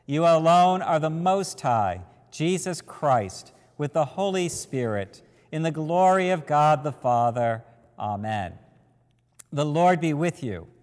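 Slow priest with cathedral echo. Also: male voice, on the high side, darkish tone. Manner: slow, measured, solemn intoning. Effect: cathedral echo, long reverb of a large church. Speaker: priest leading a church service. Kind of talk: liturgical prayer. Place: large church. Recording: long echoing church reverb.

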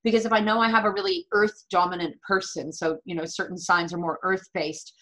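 A woman speaks as an interview guest in a slightly low voice. She explains things earnestly and conversationally, repeating key words for emphasis. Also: fairly even intonation, fairly quick, fairly bright tone. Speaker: interview guest, natural medicine practitioner and medical astrologer.

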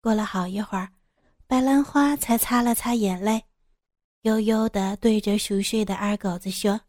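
A woman narrating a serialized audio story with a calm, steady, descriptive reading. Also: mid-range voice, normal speed, no room sound, clean studio sound.

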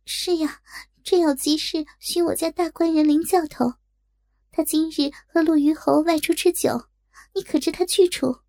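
A woman's voice: sits high, steady tone, normal speed, warm tone, pitched above the performer's own voice. A woman voicing an anxious young maidservant girl, urgent and pleading.

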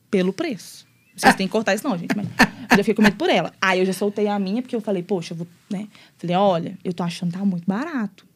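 Fast-talking young woman telling a story. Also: mid-range voice, husky. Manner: animated, storytelling with lots of quoted dialogue. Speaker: guest, mother sharing her story. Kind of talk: casual podcast conversation.

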